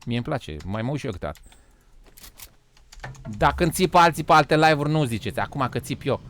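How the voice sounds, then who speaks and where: A Romanian man streaming a game live, joking loudly, swearing and calling his viewers "frate", often breaking into shouts and laughs. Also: mid-range voice, animated, very noisy. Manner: swears and says "frate" a lot. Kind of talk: live gaming stream chat.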